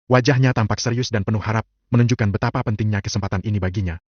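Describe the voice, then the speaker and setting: Fast-reading male novel narrator. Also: lowish voice, steady tone, dry recording. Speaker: storyteller. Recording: dull lo-fi dry recording.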